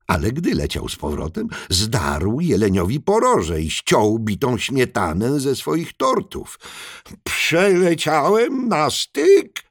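A man narrating a children's audiobook in a very expressive, slow storytelling manner. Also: lowish voice, husky, no echo, clean studio sound.

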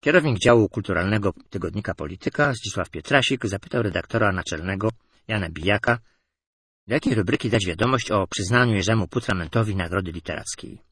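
A man narrating humorous anecdotes in a lively storytelling delivery. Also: on the low side, a little fast, breathy edge, no echo, studio quality.

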